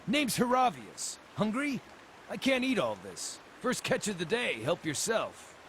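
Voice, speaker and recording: High-voiced game druid, wry, chatty, lively swings in pitch. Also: male voice, a little slow, slight background noise, heavily acted. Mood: wry friendly. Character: cheerful wandering male druid, small scarred humanoid. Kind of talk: fantasy video game voice acting.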